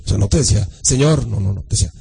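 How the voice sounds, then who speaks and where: A male pastor preaching a sermon, dramatic, swinging from shouts to a hushed voice and mimicking churchgoers. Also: on the low side, very fast, creaky, slightly rough, rough recording.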